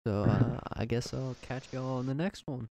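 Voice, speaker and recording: A man's voice: mid-range voice, normal speed, gravelly, dark tone, slight background noise. Laid-back man, casual and sweary. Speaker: podcast co-host. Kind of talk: casual chat.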